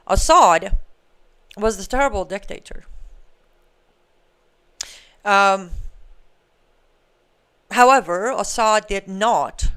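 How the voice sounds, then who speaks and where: A woman's voice: mid-range voice, fairly bright tone, smooth. A woman hosting a live political commentary stream, talking in an emphatic, argumentative way with sarcastic asides and reading out viewer comments. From Iran. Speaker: political commentary show host.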